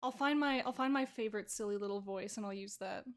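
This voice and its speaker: A woman's voice: medium pitch, quick pace. A woman art streamer chatting casually and playfully while she draws, joking and laughing with her viewers. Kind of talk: casual chat while drawing.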